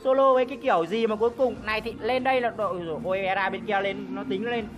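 Over game background music, a woman gives fast, excitable live commentary on her mobile gameplay, swinging between loud outbursts and low muttering and swearing playfully.

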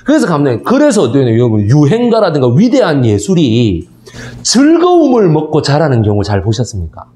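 Male history lecturer, thirties, animated storyteller who checks in with the crowd, slightly high voice, roomy hall sound. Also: fairly quick. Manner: animated storytelling, asks the audience for agreement. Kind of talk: lecture for seniors. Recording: echoey hall.

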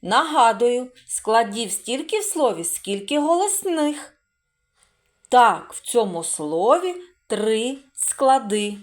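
A fairly high, very animated woman's voice leads a remote reading lesson for small children. She speaks slowly and stretches out every syllable as she sounds words out. Her tone is encouraging, and she praises the children often. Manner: slow, drawn-out sounding out of syllables. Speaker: preschool teacher.

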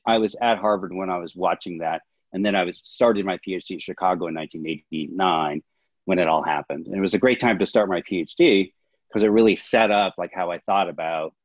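A man's voice: low-pitched, brisk, no room sound. A man in his fifties, a film director and history professor, giving long reflective answers in a video-call interview. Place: small home room indoors. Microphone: laptop webcam on video call. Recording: dull lo-fi video-call audio.

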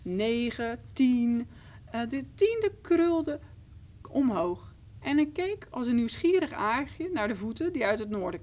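A woman reading a children's fairy tale aloud in a rhythmic, expressive storybook style. Her voice sits a little high and moves a lot, rising and falling with every step of the story.

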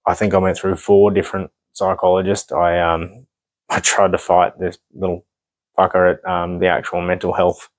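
Man, young adult, deep low voice, dry close sound, blunt and sweary. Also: monotone, moderate pace, dry recording. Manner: blunt, heavy swearing, rambling asides. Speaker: guest. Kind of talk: candid personal storytelling.

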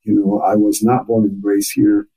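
A man with a heavy Ecuadorian Spanish accent speaks as a guest on a podcast. His voice is dark and slightly husky, earnest, with frequent restarts and repeated words. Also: on the low side, flat delivery, moderate pace, low-quality recording. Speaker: guest, chamber of commerce officer. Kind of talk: podcast interview.

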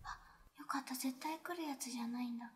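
A young woman crying out loudly in fright as she reacts to a horror game. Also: high-pitched, fast, recorded from a distance, heavy background noise. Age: young adult.

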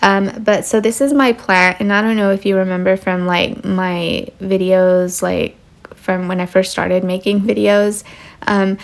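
Woman, home cleaning vlogger, casual voice-over, rambling, steady level tone, gravelly fry. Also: mid-range voice, measured pace. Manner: relaxed, rambling, lots of fillers. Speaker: mother.

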